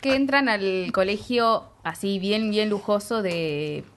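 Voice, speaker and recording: A woman's voice: medium pitch, slow, slight background noise. A woman with an Argentine accent, hosting a casual chat and summarizing at length with strong opinions. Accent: Argentine Spanish.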